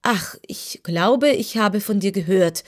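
A woman's voice: mid-range voice, takes it slowly, lightly acted. A woman voicing a proud, boastful male cab horse who lectures in a pompous way, in a storybook reading. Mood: indignant.

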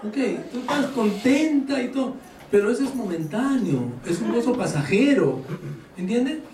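A male pastor preaching a sermon to his congregation, animated and joking, firing rhetorical questions at them. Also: very high-pitched, moderate pace, a little hiss or hum. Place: church hall. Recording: echoey hall, voice from far off.

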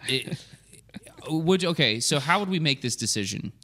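A man's voice: a little high, lively intonation, moderate pace, a crowd in the background. A man in his thirties chatting casually on a podcast, rambling through stories and laughing often mid-sentence. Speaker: podcast co-host. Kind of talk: casual chat.

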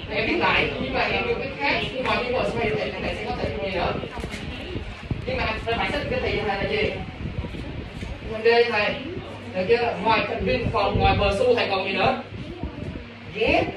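Man, teacher, high voice, distant mic, noisy room. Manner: coaxing, repeatedly checks understanding. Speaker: English teacher. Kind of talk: classroom teaching. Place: classroom. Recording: roomy, distant classroom recording with noise.

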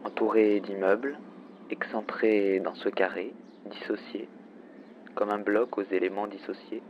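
Slow deliberate male narrator, muffled. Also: on the low side, flat delivery, slight background noise. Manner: measured, deliberate phrasing. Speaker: narrator of an audio guide. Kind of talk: scripted poetic narration. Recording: dull muffled sound with music.

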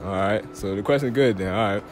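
A nineteen-year-old man vlogs in a shopping mall with a handheld camera, firing prank questions at strangers while laughing and joking in casual slang. His voice is lowish and he talks fast, with heavy background noise.

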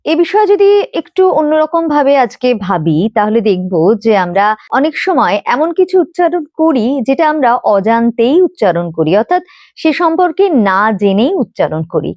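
A woman's voice: high voice, a little mellow, dry recording, clean studio sound. A woman teaching a pronunciation lesson, explaining patiently, spelling out letters and repeating example words.

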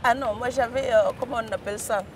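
A woman's voice: a little high, quick pace. Senegalese woman guest, rolled R's, firm and emphatic, some noise underneath. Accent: Senegalese French. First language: Serer. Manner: emphatic, rolled R, frequent hesitation fillers. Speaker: author guest. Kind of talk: studio interview.

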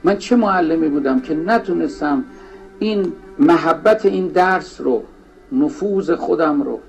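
A man's voice: fairly high pitch, vocal fry, dull audio. A man acting as a remorseful stern schoolteacher. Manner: pleading, self-reproaching. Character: remorseful male schoolteacher, middle-aged, stern.

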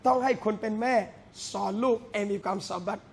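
A middle-aged man delivers a lively sermon in a very high voice. He jokes with his listeners, addressing them as brothers and sisters. His delivery swings between shouted exclamations and hushed asides. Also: a little fast, gravelly, breathy edge. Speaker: preacher. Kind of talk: Islamic sermon to a gathering. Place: café venue.

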